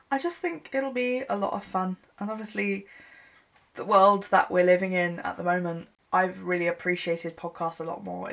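A woman's voice: medium pitch, vocal fry, fairly bright tone. A woman, hosting a solo podcast from home in a rambling, self-deprecating chat, a bit sleepy. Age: 20s. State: sleepy, yawning late at night. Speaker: podcast host. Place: her home. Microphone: microphone with laptop.

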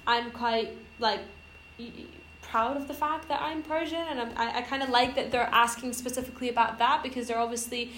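A woman's voice: fairly high pitch, fairly even intonation, brisk, fairly bright tone. A young woman from Iran chatting casually on a podcast, rambling and hesitant with lots of fillers. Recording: roomy echo, faint noise.

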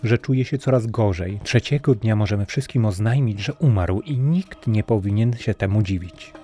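A man's voice: on the low side, moderate pace, dark tone, natural voice. A man reading a clever, loyal servant woman. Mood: resolute. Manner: practical, laying out a plan.

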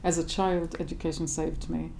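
A woman's voice: low-pitched, little pitch movement, normal speed, creaky, warm tone, slight background noise. A woman, a psychotherapist speaking candidly and reflectively as an interview guest. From Israel. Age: 50s.

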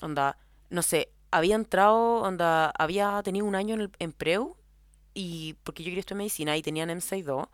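A woman's voice: lowish voice, fairly quick, no room sound, studio quality. A young woman with a Chilean accent telling a personal story in a casual, rambling way, full of filler words. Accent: Chilean Spanish. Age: young adult.

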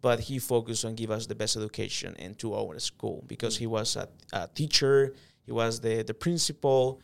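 A man's voice: mid-range voice, fairly even intonation, normal speed, gravelly. A man from El Salvador, telling his life story as an interview guest in an earnest, reflective way with hesitant fillers. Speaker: interview guest, company manager.

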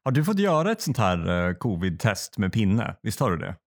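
A man telling a comic story in a deadpan way, acting out other people in quick quotes. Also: fairly low pitch. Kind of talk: comedic storytelling chat.

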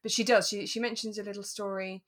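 A British woman co-hosts a podcast, recapping a drama in a casual, giggly, self-deprecating way. She talks fast at a medium pitch with a level tone.

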